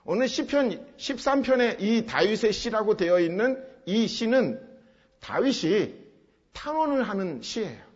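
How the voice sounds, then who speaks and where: Pastor guy with a high voice explaining a psalm bit by bit, repeats stuff for emphasis, dull muffled sound. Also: sing-song, a little slow. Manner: explains step by step with emphatic repetition. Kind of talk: expository sermon. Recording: dull sound with long hall reverb.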